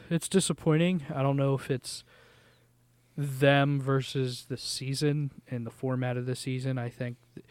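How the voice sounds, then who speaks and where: A man's voice: medium pitch, darkish tone, clean tone, no room sound. A young man co-hosting a sports podcast, speaking casually and emphatically, often repeating words as he thinks. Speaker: podcast co-host.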